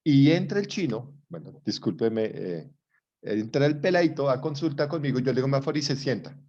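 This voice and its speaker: A middle-aged Colombian man teaches an online class in a voice of ordinary pitch. He talks in a chatty way and keeps asking whether his students are following. The video call audio sounds dull and lo-fi. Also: very animated, moderate pace, mellow. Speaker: psychology lecturer.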